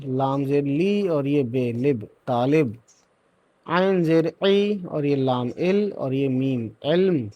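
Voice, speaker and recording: A fairly high-voiced man with a darkish tone teaches beginners Urdu reading letter by letter. Each word gets spelled out syllable by syllable and then blended, with frequent "theek hai" and "hai na" check-ins along the way.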